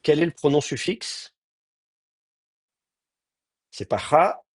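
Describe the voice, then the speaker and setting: A man's voice: fairly high pitch, expressive, takes it slowly, slightly rough, no room sound, studio quality. A man teaching an advanced class, explaining step by step with many hesitations and fillers. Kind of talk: online class lecture.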